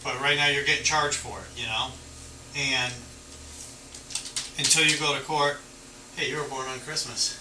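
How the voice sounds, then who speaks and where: Speaking at a normal speed with a steady tone and long pauses, this medium-pitched policeman gives a detained person a casual, conciliatory roadside explanation. The audio comes from a distant microphone in a noisy, echoey setting.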